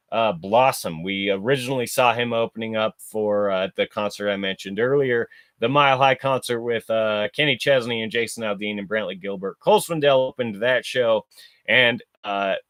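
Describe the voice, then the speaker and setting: A man's voice: mid-range voice, fairly bright tone, no echo. Rambling man hosting a podcast, dry sound. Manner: rambling, filler-heavy, self-correcting. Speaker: podcast host. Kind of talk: casual solo podcast monologue.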